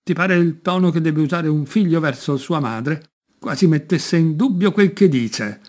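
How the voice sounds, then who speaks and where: A man's voice: mid-range voice, fairly even intonation, moderate pace, slightly rough, lightly acted. A man voicing a scheming old queen mother, suspicious and indignant.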